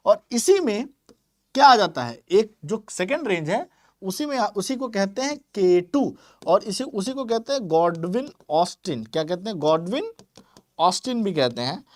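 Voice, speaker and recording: A man's voice: high voice, sing-song, measured pace, no echo. A man teaching an exam-prep geography lesson, who keeps asking questions and then answering them himself, with English terms mixed into his Hindi. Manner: repeats points with quiz-style questions.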